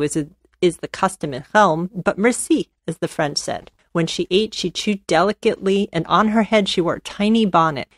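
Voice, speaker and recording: A woman podcast host reading a folk tale aloud, with expressive storytelling. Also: on the low side, no room sound, clean studio sound. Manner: expressive storytelling, voices quoted characters.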